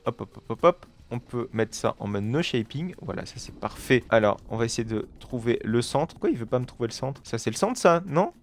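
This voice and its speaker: A man talks through his building session in a game, explaining each choice as he goes. He keeps it chatty and loose, tossing in playful little sound effects between steps. His voice sits at an ordinary middle pitch, recorded close on a desk microphone. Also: lively intonation, a little fast, hardly any pauses, slight background noise. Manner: chatty, self-narrating, fills with "voilà" and playful "hop hop" and "bam" sounds. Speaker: gaming video creator. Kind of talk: let's play commentary while building.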